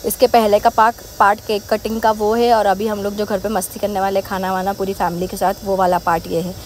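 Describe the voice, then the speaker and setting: A woman's voice: mid-range voice, a little fast, a little hiss or hum. A woman hosting a casual family vlog, chatting straight to her viewers. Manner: chatty, addresses viewers directly. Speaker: family vlogger. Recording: lively family crowd behind.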